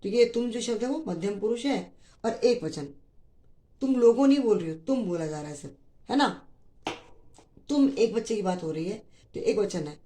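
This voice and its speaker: A woman's voice: medium pitch, lively intonation, normal speed, pauses often, warm tone. A woman teaching a grammar lesson to school students, explaining patiently and repeating key phrases, with mixed in. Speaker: Hindi teacher.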